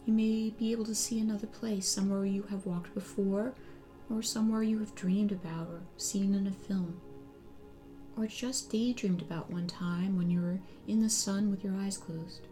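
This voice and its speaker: A woman leads a hypnosis relaxation session in a slow, soothing, repetitive way, sometimes dropping to a near-whisper. Her voice is warm and mellow, sitting at an ordinary pitch. Soft music plays faintly behind her. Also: fairly even intonation. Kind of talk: guided hypnosis relaxation script.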